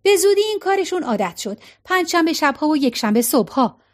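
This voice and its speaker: A woman with a high-pitched voice reads a story aloud as an audiobook narrator. Her storytelling is expressive, and she gives light shading to each character's lines.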